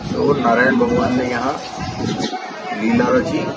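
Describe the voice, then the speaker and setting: Man, 40s, mid pitch, storytelling to a phone camera outdoors, loud crowd and noise behind. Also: completely flat delivery, a little slow, vocal fry. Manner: storytelling, explanatory. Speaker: travel companion. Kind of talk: casual explaining on camera. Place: outdoors at a seaside temple. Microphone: phone camera nearby.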